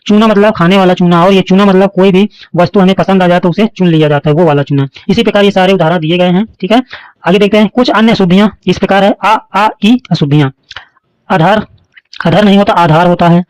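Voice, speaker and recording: A man's voice: high voice, darkish tone, clear, resonant tone, no room sound, low-quality recording. A man teaching a Hindi grammar lesson, repeating each word and often checking that students understand. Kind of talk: online lesson explaining spelling mistakes.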